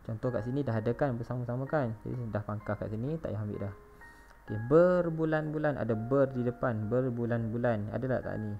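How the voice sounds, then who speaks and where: A man's voice: mid-range voice, fairly quick, creaky, warm tone. A male primary school teacher with a Malaysian Malay accent, patiently walking young pupils through a recorded lesson and spelling words out letter by letter. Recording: dull lo-fi recording with faint music.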